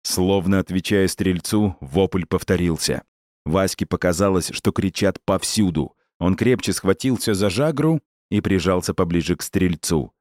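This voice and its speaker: A man reading a story aloud in a measured, even audiobook narration. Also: deep voice, no room sound, studio quality.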